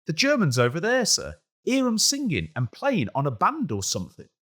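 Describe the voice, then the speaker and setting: Brief: man plays keen young trench soldier, high and eager. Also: wildly swooping pitch, moderate pace, fairly bright tone, full character voice.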